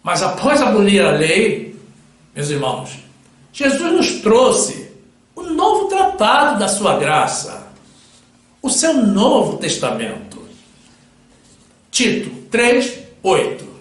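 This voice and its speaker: A man's voice: sits high, wildly swooping pitch, slow pace, long pauses. A male preacher delivering a solemn sermon with Bible readings, addressing his listeners as brothers. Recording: very echoey room.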